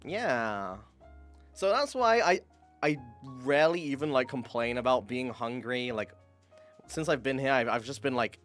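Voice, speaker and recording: A young man chatting casually on a livestream, frank and quick to laugh, swearing when something goes wrong. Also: medium pitch, a bit bright. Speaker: streamer host.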